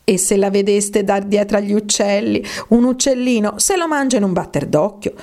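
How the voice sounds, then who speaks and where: A woman voicing Alice, a polite, eager young girl who is quick to apologize. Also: mid-range voice, darkish tone, natural voice. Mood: earnest. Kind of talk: storybook reading.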